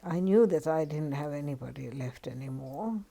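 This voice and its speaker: An older Finnish woman with a Finnish accent recounts her life in an oral history interview, taking her time and pausing often as she reflects. Her low voice is expressive and creaky, warm yet slightly rough.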